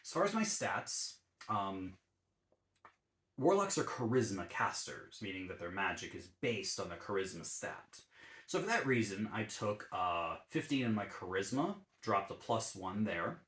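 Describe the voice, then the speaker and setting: A man's voice: fairly low pitch, big pitch swings, a little slow, a bit bright, reverberant. A man hosting his own channel, explaining a tabletop game class in an easygoing way with frequent ums and uhs. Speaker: YouTube D&D channel host.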